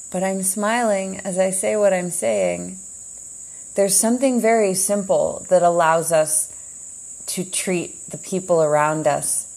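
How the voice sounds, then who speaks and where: A woman speaks slowly and introspectively, hosting her own show as if thinking aloud. Her voice is low, dark and gravelly, with a husky edge, and she lets long pauses hang between her thoughts. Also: rough recording. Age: adult, heard as a child in the 80s. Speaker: podcast host. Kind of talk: slow reflective monologue.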